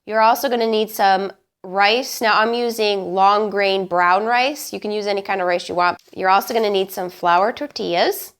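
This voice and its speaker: A woman's voice: mid-range voice, steady tone, moderate pace, smooth. A woman hosting a casual home recipe demonstration, chatty and emphatic, her voice congested and honking as she gets over bronchitis. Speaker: cooking show host.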